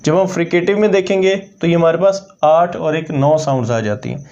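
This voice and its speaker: Man, language teacher, methodical explanation, repeats example words slowly, warm tone, fairly high pitch. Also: muffled recording. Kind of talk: explanatory lesson.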